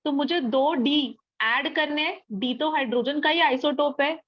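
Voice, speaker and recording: A woman's voice: high voice, measured pace, lo-fi sound. A young woman teaching a chemistry class online, explaining step by step and often checking that students follow. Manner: explains step by step, checks understanding with frequent tag questions.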